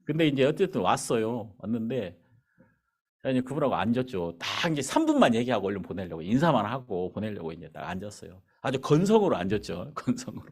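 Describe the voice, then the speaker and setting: A man's voice: fairly low pitch, fast talker, slightly rough. A male pastor preaching in a church, telling a story with acted-out dialogue. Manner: animated storyteller acting out dialogue. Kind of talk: sermon with storytelling. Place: church sanctuary.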